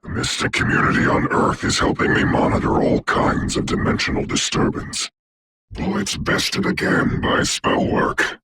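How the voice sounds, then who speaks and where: A man voicing a proud, grave sorcerer doctor in a video game, speaking formally and theatrically in a rough, whispery voice. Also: very high voice, bright, forceful tone, a little hiss or hum, heavily acted. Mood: grave, solemn. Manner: grandiose, formal, archaic, solemn delivery. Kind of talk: theatrical game character voice lines.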